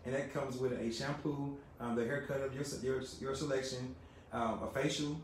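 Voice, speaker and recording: A man's voice: mid-range voice, steady tone, normal speed, slight background noise. A middle-aged man who owns a barbershop, answering interview questions politely and earnestly, with many fillers. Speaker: barbershop owner. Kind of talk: casual interview on a live video. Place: large barbershop indoors. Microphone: phone camera held by interviewer. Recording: roomy shop with faint ambience.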